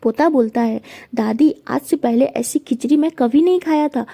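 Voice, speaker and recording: A woman's voice: high-pitched, moderate pace, vocal fry, dark tone. A woman reading a family story aloud, retelling it plainly and voicing quotes only lightly.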